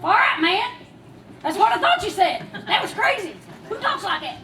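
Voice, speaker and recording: A woman's voice: very high-pitched, big pitch swings, normal speed, bright, forceful tone, full character voice. A woman playing a laid-back, scatterbrained surfer dude who drawls slang like "man" and "crazy" in a live church skit. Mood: goofy. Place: large hall with an audience. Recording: distant live recording with crowd and noise.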